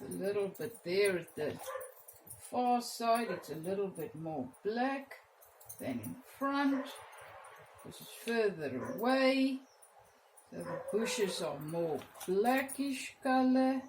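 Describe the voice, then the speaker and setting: Animated but unhurried, a medium-pitched woman with an Afrikaans accent leads a relaxed painting lesson step by step. She talks with her viewers and lets out cheery exclamations while painting; the room echoes and there's faint noise behind her.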